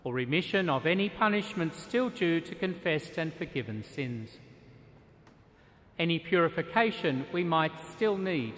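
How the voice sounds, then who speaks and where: A middle-aged man gives a measured, solemn sermon, pausing deliberately between phrases. His voice sits slightly high for a man. He speaks into a lectern microphone, and the vast stone cathedral around him carries a long, lingering reverb. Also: expressive, a bit bright. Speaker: archbishop preaching.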